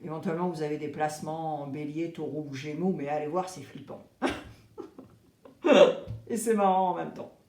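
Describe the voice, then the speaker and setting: A woman giving a casual, chatty tarot reading, expressive and animated, acting out little quoted exchanges. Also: low voice, a little slow, long pauses, reverberant. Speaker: tarot reader.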